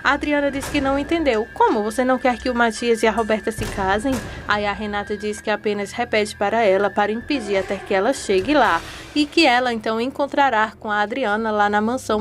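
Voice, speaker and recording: A woman's voice: a little high, slight background noise. A woman retelling telenovela episodes in a casual, chatty way, joining her sentences with fillers. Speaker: telenovela recap narrator.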